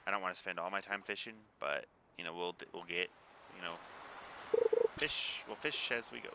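A man's voice: low voice, normal speed, creaky, very noisy. A man in his thirties giving casual, joking game commentary, rambling along to himself. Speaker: gaming video host. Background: game music.

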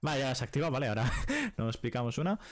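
A man's voice: medium pitch, very animated, rapid-fire. A man hosting a live stream, talking casually and addressing his viewers directly. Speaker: streamer host.

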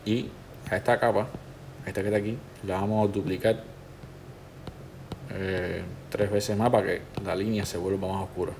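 Male tutor, lowish voice, relaxed step-by-step walkthrough. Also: moderate pace, long pauses, slight background noise. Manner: relaxed, instructive, talks the viewer through each step. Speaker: tattoo artist teaching a digital stencil technique.

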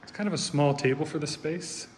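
Speaking fairly quickly in a slightly high voice, a real estate agent leads a casual, cheerful walkthrough of a large empty house for sale, noting features along the way. The recording carries the echo of empty rooms and faint room noise.

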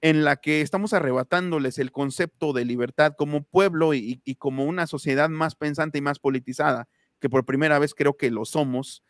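A man with a Mexican accent giving political commentary on a panel show, speaking in a halting way with frequent restarts and repeated words. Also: fairly high pitch, dry recording, clean studio sound. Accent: Mexican Spanish.

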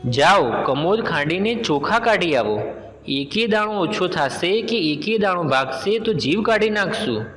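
A man's voice: sits high, sing-song, measured pace, fairly bright tone, in a large hall, soft background music, full character voice, rough recording. A man voicing a cruel, scheming sister-in-law who scolds and threatens. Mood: harsh threatening.

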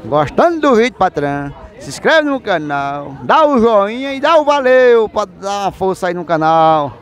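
A man, hosting a chatty vlog as he walks through an outdoor street market, greeting vendors loudly. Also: high voice, very animated, moderate pace. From Northeast Brazil. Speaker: vlogger host. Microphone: handheld phone camera. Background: market crowd chatter.

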